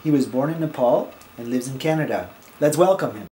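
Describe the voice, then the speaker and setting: A man's voice: mid-range voice, lively intonation, a little fast, dark tone. A man hosting an interview, welcoming the guest and asking short polite questions. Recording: echoey room with faint noise.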